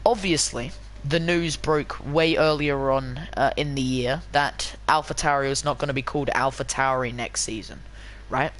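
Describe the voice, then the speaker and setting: A man's voice: medium pitch, steady tone, normal speed, fairly bright tone. A man commentates a live sim race from his desk mic in the small hours. His talk wanders, stumbles and restarts, full of fillers and jokes at his own expense, and he sounds a bit tired. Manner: rambling, self-mocking, lots of fillers and restarts. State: tired late at night.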